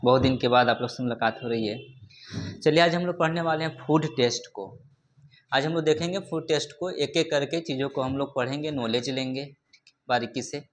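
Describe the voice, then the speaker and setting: A man teaching English vocabulary in a classroom lesson. He keeps asking his students questions, says "ठीक है" often, and repeats each word slowly. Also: mid-range voice, a little hiss or hum. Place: classroom with a board.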